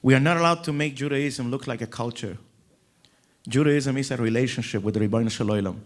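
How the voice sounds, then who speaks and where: A man's voice: medium pitch, a little fast. A man giving an inspirational religious talk as a rabbi, telling stories emphatically and acting out the dialogue. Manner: emphatic, dramatic storyteller who acts out dialogue. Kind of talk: inspirational religious storytelling speech.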